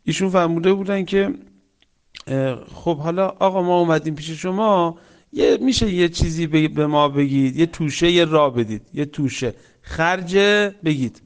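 A man preaching a sermon with stories, swinging between loud emphatic lines and soft hushed ones, reciting Quranic verses. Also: fairly high pitch. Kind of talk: religious sermon with storytelling.

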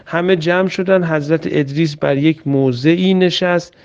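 A man's voice: a little high, steady tone, a little mellow, smooth. A man preacher telling a religious story in a plain, conversational way. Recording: dull lo-fi recording.

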